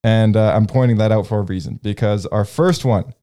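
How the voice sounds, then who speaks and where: A man's voice: lowish voice, fairly quick, mellow. A man hosting a casual group discussion, rambling with lots of ums and restarts. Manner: rambling, many fillers and restarts. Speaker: podcast host leading discussion.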